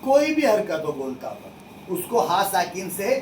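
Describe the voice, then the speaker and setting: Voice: mid-range voice, very animated, measured pace. A religious studies teacher leading a call-and-response classroom drill, stating rules and quizzing the students with repeated questions. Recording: echoey room, distant mic, faint noise.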